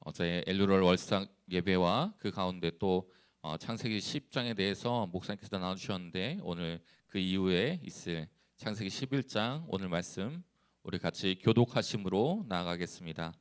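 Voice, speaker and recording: A man who is a church evangelist, leading a responsive scripture reading and then preaching calmly with frequent hesitations. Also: deep voice, clear, resonant tone. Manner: calm, unhurried, with frequent hesitations.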